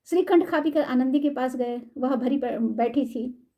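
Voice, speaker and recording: A woman storyteller reading a classic short story aloud in a measured, formal way. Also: high voice, dark tone.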